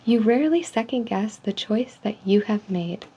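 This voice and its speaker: A woman speaking softly in an ASMR role-play, reading survey statements in a polite, measured customer service manner. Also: mid-range voice, animated. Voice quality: soft, hushed. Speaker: ASMR role-player as call center agent giving a personality survey. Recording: dull lo-fi sound with faint noise.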